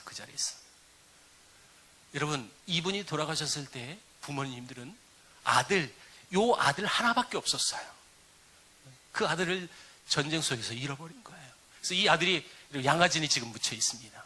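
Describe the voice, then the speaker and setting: A middle-aged man preaching a sermon as a pastor, telling a story with lively swings and hushed quiet stretches. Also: a little high.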